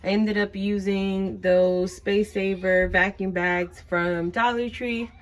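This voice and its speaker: A woman's voice: medium pitch, steady tone, slow. Chatty woman touring her organized closet. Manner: chatty, many fillers, describing items as she shows them. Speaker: vlogger. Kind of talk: casual organizing walkthrough. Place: home closet.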